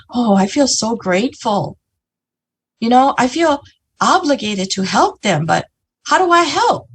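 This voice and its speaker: With a high-pitched, fairly bright, slightly rough voice, a female business presenter delivers an upbeat motivational talk over a video call. She is a native English speaker and keeps checking in with "right?" and "you know."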